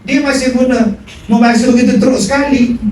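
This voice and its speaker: A man preaching a sermon, telling stories animatedly and acting out dialogue with big swings in pitch. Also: steady tone, normal speed, darkish tone. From Malaysia. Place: prayer hall. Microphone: phone recording from the audience. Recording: echoey hall from far off with room noise.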